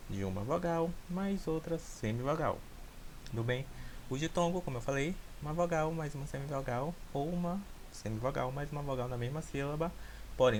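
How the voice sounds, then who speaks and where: A man's voice: fairly high pitch, darkish tone, a little hiss or hum, low-quality recording. A man with a Brazilian Portuguese accent presenting a recorded class, patiently repeating points and checking in with his listeners. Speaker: student teacher.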